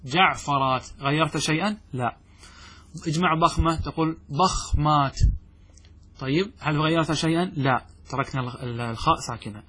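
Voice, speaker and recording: A man teaching Arabic grammar in a classroom lecture, asking his students questions and answering them himself, repeating example words slowly. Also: on the high side, a bit bright, breathy edge.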